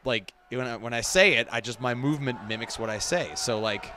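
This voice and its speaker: A voice actor reacts to his own video game scenes, chatting casually and poking fun at himself in a brisk, sharp, medium-pitched voice. The recording is noisy, with cutscene audio playing underneath.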